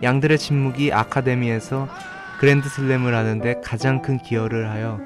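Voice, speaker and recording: A man's voice: mid-range voice, little pitch movement, a little fast. A man reading a scripted narration as a voice-over for a film ranking video. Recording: voice-over with faint background music. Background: faint music.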